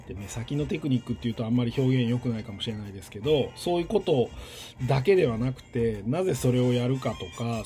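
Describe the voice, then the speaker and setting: Rambling man in his forties, mellow-voiced. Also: medium pitch. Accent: standard Japanese with a Kansai tinge. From western Tokyo. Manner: rambling, thinking aloud with many pauses. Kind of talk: casual solo monologue.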